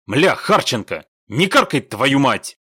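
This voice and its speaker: A man's voice: mid-range voice, sing-song, takes it slowly, husky, dry recording, clean studio sound, pitched above the performer's own voice, heavily acted. A man doing a barking army major. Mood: stern. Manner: barking, forceful orders. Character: gruff male army major, commanding and short-tempered.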